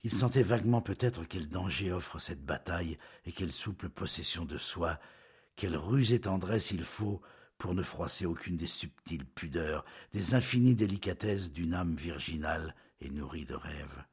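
A man reading a novel aloud in scripted narration, measured and intimate, often dropping to a hush. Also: low-pitched, husky.

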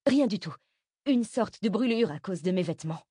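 A woman reading an audiobook voices an anxious, tearful mother who dodges questions, her voice pitched up and pleading. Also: lively intonation, moderate pace, mellow, husky, no room sound, clean studio sound. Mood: evasive.

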